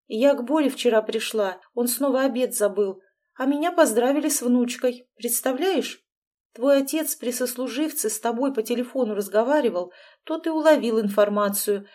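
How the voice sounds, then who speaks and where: A woman's voice: on the high side, a little mellow, pitched above the performer's own voice. A woman reading an audiobook, voicing a worried, insistent middle-aged mother who presses and reproaches. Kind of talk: audiobook dialogue.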